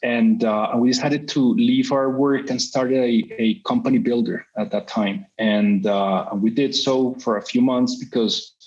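Man, middle-aged, from Colombia, business interview, loose and talkative, frequent fillers, average pitch, muffled audio. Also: fairly even intonation, measured pace, few pauses, darkish tone. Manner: talkative, full of "you know" fillers and restarts. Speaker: company CEO. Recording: slightly muffled sound.

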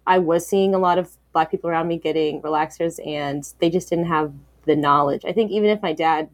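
Woman, interview guest, low-pitched, dry close sound, thoughtful, halting, candid. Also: no echo. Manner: reflective, frequent fillers and restarts.

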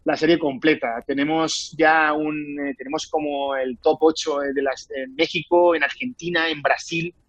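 Spanish-accented actor, chatty and animated. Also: male voice, fairly high pitch, moderate pace, hardly any pauses, no room sound, dull audio. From Spain. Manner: animated, rambling with many restarts. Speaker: actor, interview guest. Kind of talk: casual interview conversation.

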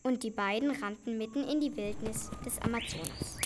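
A woman narrating a radio play in a calm, even storytelling manner. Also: on the high side, moderate pace. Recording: hissy amateur recording.

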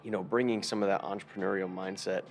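An American man hosts a podcast informally, opening with a conversational intro before moving into an interview. His voice sits low and his delivery is flat and fast, with soft music in the background.

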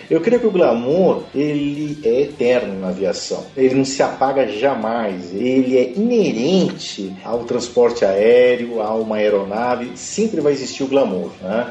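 Chatty man, mellow echoey voice. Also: mid-range voice. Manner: chatty, animated anecdotes, frequent tag questions and laughs. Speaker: podcast guest, private pilot. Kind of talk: casual storytelling chat. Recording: echoey room, faint background music.

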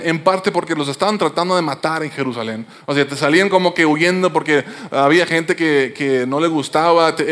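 A man's voice: a little high, a bit bright. A man preaching a sermon in a conversational, explanatory way, often restarting his words. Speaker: pastor.

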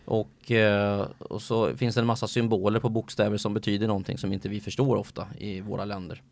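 A sports commentator talking in a casual podcast chat, hesitant and full of filler sounds. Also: male voice, lowish voice, flat delivery, creaky, no room sound.

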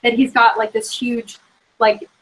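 Chatty female podcast co-host, slightly high voice, loose filler-heavy talk. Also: flat delivery, fairly bright tone, poor audio. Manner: chatty, fast, full of fillers like "you know". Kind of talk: casual chat.

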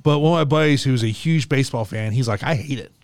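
A man in his forties co-hosting a podcast, chatting in a chummy, animated way and often repeating himself. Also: medium pitch, fast talker, dry recording. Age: 40s. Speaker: podcast co-host. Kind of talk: casual sports chat.

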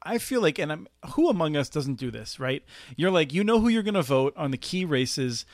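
A man's voice: a little high, very animated, fairly quick, no echo, studio quality. A man discussing policy in a casual podcast chat, enthusiastic and restarting his sentences often. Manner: enthusiastic, many restarts and laughs. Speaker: policy researcher guest.

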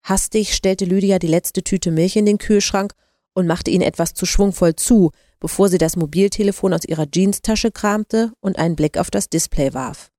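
Mellow woman narrating. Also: mid-range voice, moderate pace, dry recording, studio quality. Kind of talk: audiobook narration.

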